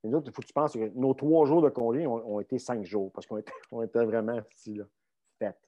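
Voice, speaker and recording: A man with a Québécois French accent telling a story casually as a guest, animated and full of filler words. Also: mid-range voice, fast talker, no room sound. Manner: animated, fills talk with "là" and mild swearing.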